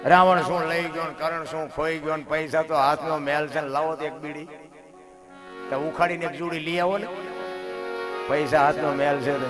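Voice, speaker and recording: Man, Kathiawadi Gujarati accent, middle-aged, high voice, devotional storytelling, loud bursts and hushed asides, live instrumental music behind. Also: little pitch movement, normal speed. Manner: swings from loud exclamations to low quiet asides; folksy, addresses listeners as bapu. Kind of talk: devotional folk discourse.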